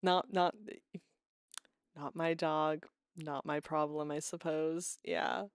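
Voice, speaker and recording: A woman's voice: low-pitched, flat delivery, takes it slowly, clean tone, no room sound, clean studio sound. A woman streamer chatting casually with her viewers, rambling and restarting her sentences, a little unwell with a cough.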